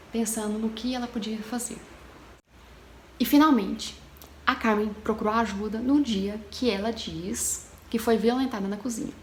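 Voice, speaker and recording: A woman with a slightly high voice tells a haunting story in a casual, chatty way, speaking directly to her viewers and hushing her voice for the eerie parts. The room is echoey with background noise.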